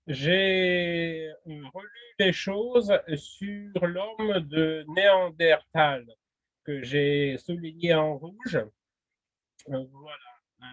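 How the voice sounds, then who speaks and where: A man's voice: sits high, no echo. A man teaching linguistics in a casual spoken lesson, hesitant, full of fillers and restarts. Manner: laughs readily.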